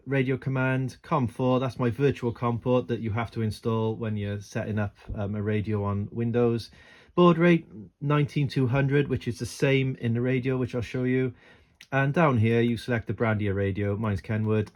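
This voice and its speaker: A man with a mid-range, slightly mellow voice films his radio gear on a handheld phone, giving an unscripted, casual tutorial as an amateur radio hobbyist. He thinks aloud in a loose, hesitant way as he walks through the screen and equipment, and the phone recording is noisy and amateur.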